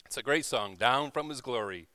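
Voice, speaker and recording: A visiting church leader delivers an informal sermon live in a church, reading scripture and praying in a folksy, conversational way while checking in with little tag questions. His mid-range voice is bright, forceful, clear and resonant, with lively intonation at a normal speed.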